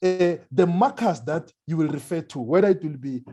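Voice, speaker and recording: A male scholar answering an audience question at an academic seminar, speaking slowly and haltingly with many restarts. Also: a little high, animated, mellow, breathy edge. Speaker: presenting scholar. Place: seminar room.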